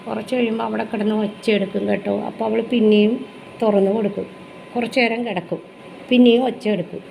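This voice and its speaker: A woman with a Malayali accent and a mid-range voice talks fast, with fairly even intonation and vocal fry. In a casual home vlog near her kitchen, she coos at her dog in doting baby talk between chatty asides to viewers, in an echoey room with faint background noise.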